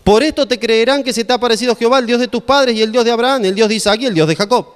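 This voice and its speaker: A man with an Argentine Spanish accent voicing God in a sermon, calm and firm with a light touch of humor. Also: extremely high pitch, racing, smooth, big-room sound, voice pushed up. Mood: commanding. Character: God as a patient, firm male voice.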